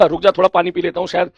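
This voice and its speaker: A hoarse male teacher from India chatting casually with his students before an online class, repeating greetings and laughing often. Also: high voice, dry recording.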